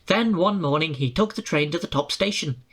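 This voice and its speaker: A man's voice: a little high, animated, moderate pace, fairly bright tone, breathy edge. A man reading a storybook aloud and putting on voices for the engines and coaches. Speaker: storybook narrator.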